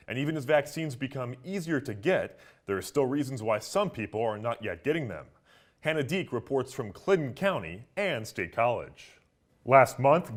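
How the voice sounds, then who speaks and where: A man delivering scripted broadcast news as an anchor and field reporter. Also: medium pitch.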